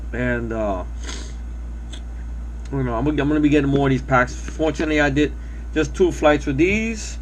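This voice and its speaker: Male hobbyist, mid-pitched, slightly under the weather; hesitant, casual product walkthrough with light noise behind. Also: poor audio. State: under the weather, coughing now and then. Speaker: hobby drone pilot presenting his build.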